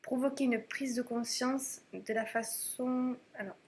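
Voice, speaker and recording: A woman's voice: fairly high pitch, fairly even intonation, measured pace. Chatty woman reading tarot cards. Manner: chatty, hesitant, many fillers and restarts. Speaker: tarot reader. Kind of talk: casual monthly tarot reading to camera.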